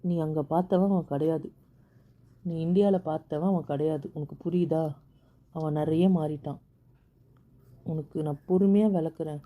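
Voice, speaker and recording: A soothing older brother in an audio drama, voiced by a woman. The voice sits low and dark, and he talks in gentle, repeated pleas to calm down and sleep on it. He is the steady peacemaker caught between two angry people. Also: normal speed, long pauses. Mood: coaxing.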